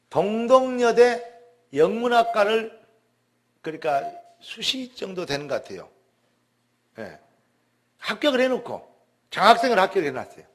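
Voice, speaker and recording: Male pastor, high-pitched, emphatic storyteller, repeats words for stress. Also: a bit bright. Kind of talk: sermon testimony.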